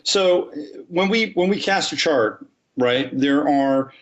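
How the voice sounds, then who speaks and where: Slow and animated, a man with a slightly high voice guests on a podcast as an astrologer, methodically laying out his subject through step-by-step examples. The sound is lo-fi.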